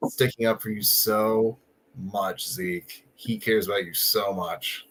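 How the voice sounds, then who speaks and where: A man's voice: lowish voice, steady tone, takes it slowly, fairly bright tone, a little hiss or hum. A man co-hosting a casual fan podcast, chatty and full of filler words. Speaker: podcast co-host.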